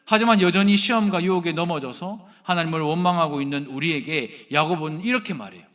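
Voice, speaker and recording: A man's voice: fairly high pitch, fast. A male pastor with a Gyeongsang Korean accent preaches a sermon, speaking directly to the congregation and joking with them. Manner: animated, addresses the congregation directly and jokes with them.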